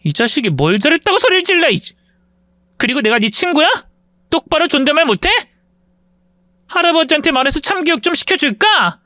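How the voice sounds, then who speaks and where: Male narrator plays a commanding young wife, high-pitched and scolding. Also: very animated, moderate pace, sharp tone, dry recording, studio quality, exaggerated voice. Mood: commanding, furious.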